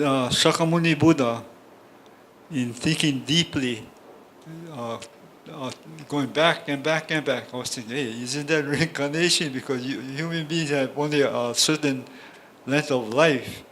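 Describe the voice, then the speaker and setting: A man from the audience asks a question in a class discussion, hesitant, with pauses and restarts. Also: on the high side, a bit bright, a little hiss or hum. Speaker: audience member asking a question.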